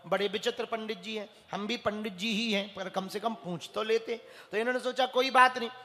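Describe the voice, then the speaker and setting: A man telling a comic religious story in a lively way, acting out the voices. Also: high voice, fairly quick, long reverb tail.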